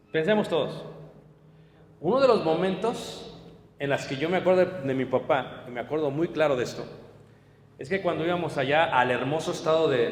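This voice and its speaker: A man's voice: on the high side, echoey room, in a large hall. A man preaching a sermon to his congregation, telling personal stories and speaking to them directly. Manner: storytelling, addresses congregation directly. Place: church hall.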